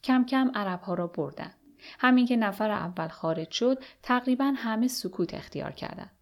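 Brief: woman audiobook narrator, even and measured storytelling. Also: fairly high pitch. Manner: steady, measured first-person narration. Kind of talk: audiobook reading of a novel.

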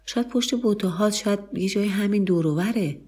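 A woman's voice: mid-range voice, warm tone, husky, pitched above the performer's own voice, natural voice. A woman voicing a bewildered middle-aged man who anxiously mutters under his breath while searching for his wife.

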